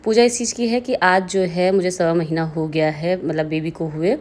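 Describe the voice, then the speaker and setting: A woman's voice: on the low side, steady tone, moderate pace, darkish tone. A young woman chatting casually in a home vlog, slipping English words into her speech. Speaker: vlogger.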